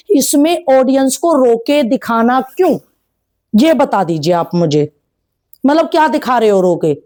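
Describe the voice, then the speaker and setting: A woman's voice: high voice, darkish tone. A woman ranting to her viewers in a vlog, scolding with rhetorical questions. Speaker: vlogger.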